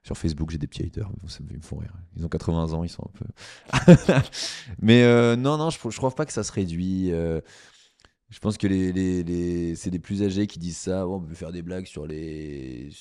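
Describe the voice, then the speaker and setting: Low, dark-voiced French comedian. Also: male voice. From France. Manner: animated, halting, many restarts. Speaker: stand-up comedian guest. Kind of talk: casual podcast interview.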